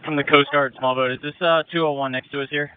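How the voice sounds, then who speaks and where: A man on a Coast Guard boat, reporting in a matter-of-fact way with filler pauses over marine radio. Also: fairly high pitch, fairly even intonation, clear, resonant tone. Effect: marine radio transmission. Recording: narrow tinny marine radio channel.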